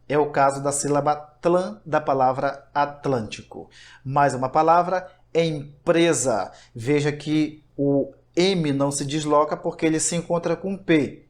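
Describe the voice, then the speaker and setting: A man's voice: a little high, a little mellow. A man teaching a grammar lesson online, explaining step by step and asking himself rhetorical questions.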